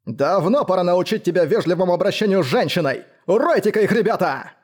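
Hoarse, bellowing burly steadholder from a fantasy audiobook, loud and raised, as the narrator puts him on. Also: male voice, sits high, expressive, quick pace, voice pushed up. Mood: furious. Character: hot-tempered burly male steadholder bellowing orders.

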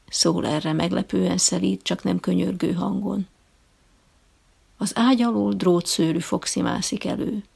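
A woman's voice: fairly low pitch, vocal fry, husky. A woman reading a humorous short story as an audiobook narrator, with a dry, wry delivery. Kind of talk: scripted narration.

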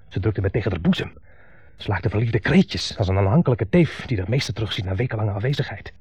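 A man's voice: lowish voice, darkish tone, no room sound, full character voice. An actor playing a bitter grown son dominated by his mother, delivering a brooding, intense monologue in a 1970s radio play. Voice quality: gravelly, husky. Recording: dull 1970s radio broadcast.

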